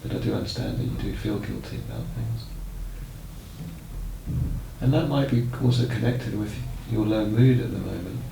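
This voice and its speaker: A man playing a sympathetic child psychiatrist in a role-play consultation, asking gentle, tentative questions and reassuring calmly. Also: fairly low pitch, normal speed, vocal fry, long pauses. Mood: sympathetic, probing. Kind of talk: acted clinical consultation. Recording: roomy, distant mic, noisy background.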